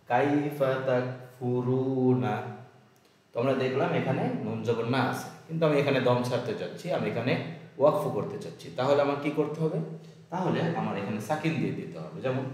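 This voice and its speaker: A man teaching the rules for pausing in Quran recitation, patiently repeating each rule, asking and answering his own questions, and chanting the examples slowly. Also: medium pitch, a little mellow. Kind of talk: step-by-step lesson with slow chanted examples. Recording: very echoey room.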